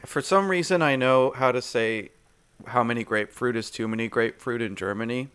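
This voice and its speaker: A male podcast co-host in casual chat, dropping deadpan one-liners. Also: medium pitch, fairly quick, clear, resonant tone.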